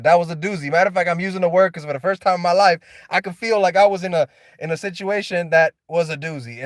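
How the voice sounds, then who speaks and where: A man's voice: a little high, dry recording, studio quality. A man in an unscripted vlog, ranting with passion and a preachy tone, repeating and restarting as he goes. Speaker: vlogger. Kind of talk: unscripted driving vlog monologue. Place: inside a car.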